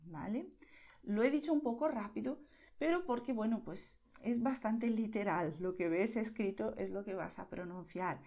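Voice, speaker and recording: A woman teaching Spanish to beginners, slow and clear, spelling letters out and often checking in to see if the listener follows. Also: mid-range voice, mellow.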